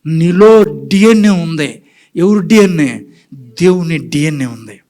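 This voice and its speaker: A man preaching a sermon in church with a Rayalaseema Telugu accent, asking the congregation questions and switching between quiet and loud passages, dropping in English phrases. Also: a little high, lively intonation, slow. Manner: mixes in English words and phrases. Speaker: pastor.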